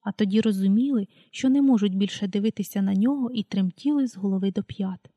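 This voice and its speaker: Female storybook reader, warm mellow tone, dry close sound, calm unhurried delivery. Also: medium pitch, slightly rough, dry recording. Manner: calm, unhurried reading, announces page numbers aloud. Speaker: audiobook reader. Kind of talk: storybook read-aloud.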